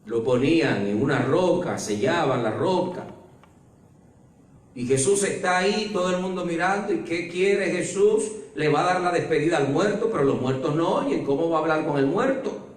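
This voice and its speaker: Preaching man in a booming echoey church. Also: moderate pace. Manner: preaching with sweeping swings from low murmurs to loud climaxes. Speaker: pastor. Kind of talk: sermon. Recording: very echoey church hall, mic at a distance.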